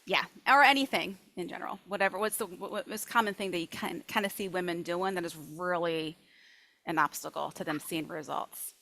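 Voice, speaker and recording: Middle-aged woman host, bright clear voice, chatty upbeat questions. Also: fairly low pitch, a little fast, no room sound, poor audio. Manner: chatty and upbeat, laughs easily. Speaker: host and dietless dieting coach. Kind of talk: casual interview questions.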